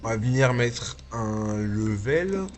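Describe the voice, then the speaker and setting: Male tutorial host, lightly lisping, informal and slow-paced, talking through steps over music. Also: lowish voice, lively intonation. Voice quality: slight lisp. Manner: informal, step-by-step, thinking aloud. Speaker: tutorial host, video artist and VJ. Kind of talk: casual software tutorial. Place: small indoor home studio.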